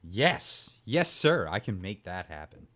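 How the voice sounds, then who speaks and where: A man's voice: low voice, sing-song, unhurried, fairly bright tone. A man co-hosting a live stream show, teasing and laughing through casual banter.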